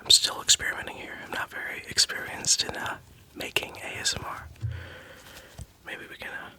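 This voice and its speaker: A man whispers softly in a hesitant, soothing ASMR manner, very close to the microphone as if right in the listener's ear. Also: normal speed. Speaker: ASMR creator. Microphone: close-up Blue Yeti USB microphone.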